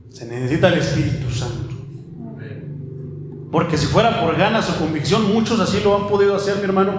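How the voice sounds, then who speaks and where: A man preaching a sermon as pastor, animated, firing rhetorical questions and calling listeners "my brother". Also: fairly high pitch, slight background noise. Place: church hall. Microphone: handheld microphone. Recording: very echoey church hall.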